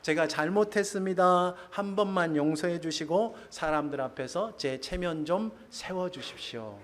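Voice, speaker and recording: A man's voice: a little high, normal speed, natural voice. A man voicing King Saul, a king who begs forgiveness while trying to save face. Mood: pleading. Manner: pleading, saving face. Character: pleading male King Saul begging pardon.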